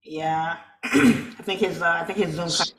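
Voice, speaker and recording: A woman speaking as the featured trader on a video conference call, upbeat and quick to laugh, often repeating her phrases in casual webinar chat. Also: lowish voice, fairly bright tone, slight background noise. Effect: heard over a video conference call. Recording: echoey room over a call line.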